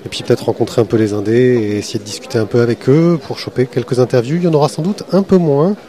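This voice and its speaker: A man hosts a podcast, speaking quickly in a warm, medium-pitched voice. He interviews a comic artist at a festival, then talks about his day there, filling his speech with lots of fillers.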